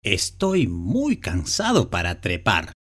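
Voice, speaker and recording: A weary old man from a storybook drags out each phrase, slow and heavy, voiced by a man. His tone sits a touch lower and softer than the reader's own. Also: wildly swooping pitch, husky, exaggerated voice.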